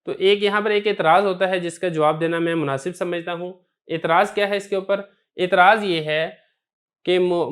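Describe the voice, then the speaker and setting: Methodical male grammar teacher. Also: a little high. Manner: methodical, poses questions then answers them. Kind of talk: recorded lesson explanation.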